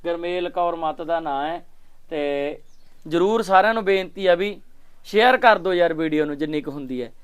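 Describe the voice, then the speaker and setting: A man's voice: a little high, normal speed, clear, resonant tone. A young man with a handheld mic, pleading again and again on camera for help for a poor village family. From Punjab, India. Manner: pleading, repeats requests to share and help. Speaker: charity vlogger. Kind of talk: vlog appeal. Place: outdoors at a village home.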